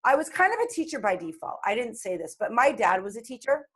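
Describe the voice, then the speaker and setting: A woman's voice: fairly high pitch, sing-song, fast, fairly bright tone, breathy edge. A woman in her late forties, a coach, talking earnestly and reflectively in a casual interview. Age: 40s. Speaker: guest coach.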